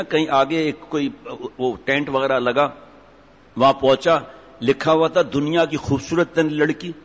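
A man, a cleric giving a humorous sermon in a mosque, teasing his audience with jokes and stories. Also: medium pitch. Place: mosque hall. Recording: echoey hall, dull lo-fi sound.

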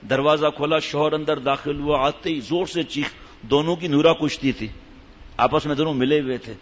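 A man's voice: fairly high pitch, steady tone. A man telling a humorous story to an audience in a jokey way and asking them rhetorical questions, heard in an echoey hall with a slightly dull sound.

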